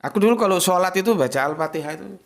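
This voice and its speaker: A man's voice: animated, racing, vocal fry. Chatty man giving a lesson. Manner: chatty and emphatic, with big swings of pitch to stress points. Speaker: religious teacher speaking to his viewers. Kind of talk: casual spoken lesson.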